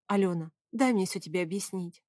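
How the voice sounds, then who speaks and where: An earnest young man, voiced by a woman narrator in a storybook reading. He pleads with slightly raised pitch. The sound is dry and close. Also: fairly quick, darkish tone, no echo, close to an everyday voice. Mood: pleading. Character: young man, pleading yet defiant shape-shifter.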